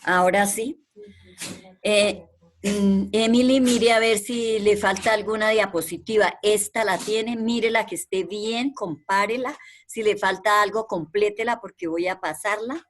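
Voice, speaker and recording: A woman teaching a primary school class online, her voice coming through a video call. She is patient and steady, and she keeps repeating the key words to drill them into her pupils. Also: medium pitch, measured pace.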